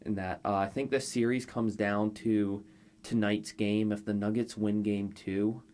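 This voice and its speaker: A man talking as a guest basketball analyst, measured and detailed. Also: lowish voice, flat delivery, darkish tone. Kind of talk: sports analysis chat.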